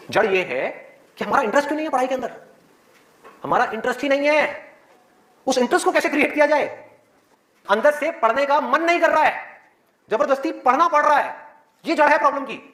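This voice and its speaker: A male biology teacher giving a motivational talk to his students, with many rhetorical questions and a lively, persuasive manner. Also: high-pitched, roomy sound.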